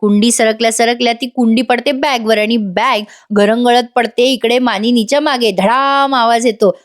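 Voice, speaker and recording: A woman's voice: fairly high pitch, steady tone, normal speed. A woman narrating a chatty voice-over recap of a TV serial, reading out the characters' lines and talking directly to her viewers.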